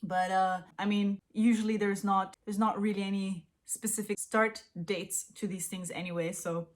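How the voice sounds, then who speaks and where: An Austrian woman whose first language is Austrian German chats casually to camera as a language-learning vlogger. Her mid-range voice keeps fairly even intonation at normal speed, and she's giggly, chatty and self-deprecating, with lots of fillers.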